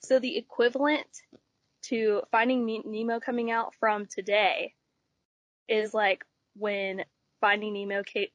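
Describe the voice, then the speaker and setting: A woman in her twenties from Texas, a podcast guest telling stories in an animated way, filling with "like" often. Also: mid-range voice, no echo, highs cut off. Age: 20s. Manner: animated storyteller, says "like" a lot. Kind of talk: casual chat.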